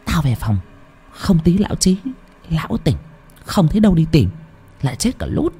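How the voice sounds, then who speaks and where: A man voicing a sharp-tongued, scheming older village woman with a shrill voice. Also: big pitch swings, moderate pace, husky, heavily acted. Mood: urgent.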